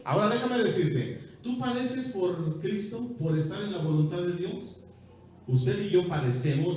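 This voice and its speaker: A man with a Mexican accent preaching a sermon, quizzing the congregation and joking, moving between loud and quiet. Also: a little high. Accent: Mexican Spanish. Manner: asks the congregation questions, jokes, swings from loud to soft. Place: church hall. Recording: echoey hall, voice from far off.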